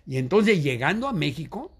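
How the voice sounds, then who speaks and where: Older Mexican man, gravelly, lively storytelling. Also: a little high, moderate pace, crowd noise. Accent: Mexican Spanish. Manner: animated, acts out quoted voices. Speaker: guest. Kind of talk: storytelling in a casual interview.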